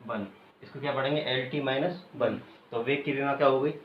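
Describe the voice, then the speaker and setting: A male teacher giving a classroom lecture who keeps asking questions and pauses for students to call out the answers, then repeats the key terms slowly. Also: medium pitch, steady tone. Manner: quizzes students, pausing for them to finish answers. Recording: echoey room, muffled, faint hiss.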